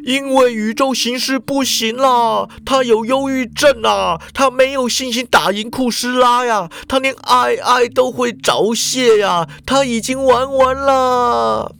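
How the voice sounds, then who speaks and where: A man's voice: extremely high pitch, a little slow, creaky, few pauses, fairly bright tone, pitched above the performer's own voice, heavily acted. A man voicing a depressed, cowardly former superhero who whines and wails. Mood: wailing despair. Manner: whiny, panicky, wailing.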